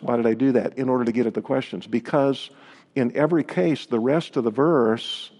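A man's voice: medium pitch, a little mellow, in a large hall. A man preaching a sermon as pastor, reading scripture aloud and putting emphatic rhetorical questions to his listeners in an earnest manner.

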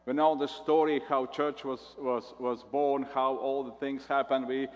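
A man from Latvia with a Latvian accent, a guest pastor preaching a sermon, talking in a halting way and often repeating words. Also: medium pitch, level tone, long reverb tail.

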